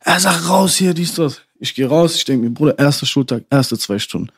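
An animated young man telling a story among friends, his voice at a middle pitch and very dry. He keeps calling his listeners "Bruder" and talks in a casual way. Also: a little fast, husky, no room sound. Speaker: storyteller in a chat.

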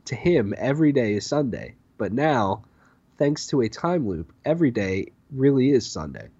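A man's voice: medium pitch, very animated, moderate pace, warm tone, breathy edge, highs cut off. A man co-hosting a casual gaming podcast, reading out game lists with stumbles and laughs. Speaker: podcast co-host.

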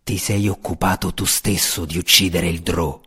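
A man reading an audiobook, voicing a brutal male bounty hunter who growls his lines slowly and menacingly. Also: low voice, steady tone, creaky, pushed and bright, slightly rough, voice pushed down, exaggerated voice. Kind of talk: audiobook character voice.

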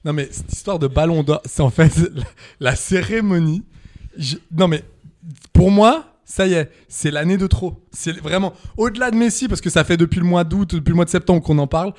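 A man's voice: fairly high pitch, moderate pace, darkish tone. A man hosting a podcast in casual chat, joking and ranting in slangy talk. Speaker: podcast host.

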